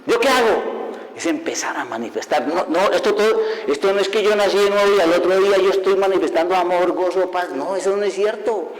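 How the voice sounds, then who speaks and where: Guy preaching in a big reverby hall, kinda high voice, keeps asking the crowd questions. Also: a little fast. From Colombia. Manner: lively, asks rhetorical questions, laughs at his own stories. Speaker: evangelist preacher. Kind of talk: sermon. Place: church hall.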